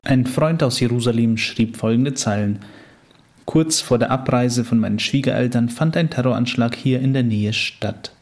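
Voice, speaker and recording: A man announcing a religious radio series and reading a letter in a calm, formal way. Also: mid-range voice. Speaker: program announcer. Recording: voice over soft instrumental music.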